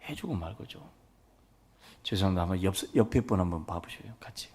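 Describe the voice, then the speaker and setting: A man's voice: low voice, expressive, brisk, darkish tone, slightly rough. A man preaching a sermon as a pastor, telling folksy stories and acting out family dialogue. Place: church sanctuary.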